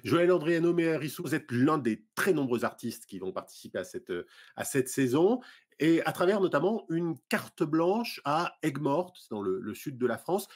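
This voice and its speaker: A middle-aged man hosting a TV arts show, putting lively questions to his guests over a video call with many fillers. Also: a little high, moderate pace, slightly rough. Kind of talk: broadcast interview questions.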